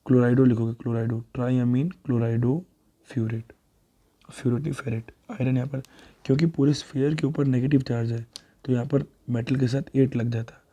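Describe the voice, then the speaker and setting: Here the chemistry revision teacher has a warm tone and a mid-range voice. Addressing his students as beta, he works through examples one step at a time, reasoning out loud and fixing his own slips.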